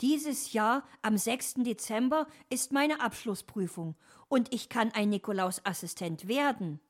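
A woman's voice: on the high side, measured pace, voice pushed up. A woman voicing an earnest young male apprentice in a storybook, doubtful but eager.

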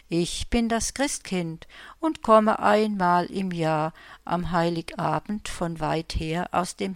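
A woman voicing the gentle Christ Child in a Christmas story, speaking softly and half-whispered. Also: on the low side, dry recording. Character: the Christ Child, gentle glowing heavenly being.

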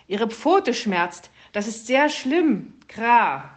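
A woman reading a storybook and voicing a fussy, scholarly male raven who croaks "Kra" at the end of his sentences. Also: a little high, sing-song, very slow, voice pushed up, full character voice.

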